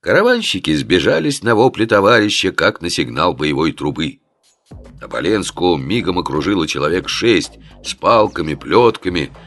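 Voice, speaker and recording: A man narrates an audiobook in a deep, low voice that swings widely in pitch. He reads with a lively, ironic storytelling manner. The recording is dry and close. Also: no room sound. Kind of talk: scripted narration.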